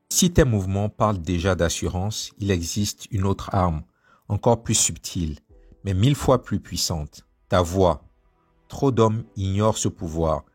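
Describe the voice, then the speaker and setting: A man reading a scripted motivational voice-over in a slow, emphatic, commanding way. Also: low-pitched, darkish tone, breathy edge. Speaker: motivational narrator.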